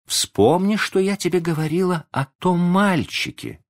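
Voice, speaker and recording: Worried gentle young mom, man doing her voice, hushed and pleading, storybook read. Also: high voice, big pitch swings, a little slow, pitched above the performer's own voice, heavily acted. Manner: soft, pleading, tender. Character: gentle anxious young mother.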